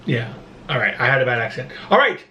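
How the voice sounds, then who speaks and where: A man co-hosting a vlog in casual chat, rambling and self-deprecating, with halting restarts. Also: mid-range voice, very animated, sharp tone, muffled recording, slight background noise. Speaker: vlog co-host. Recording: roomy echo.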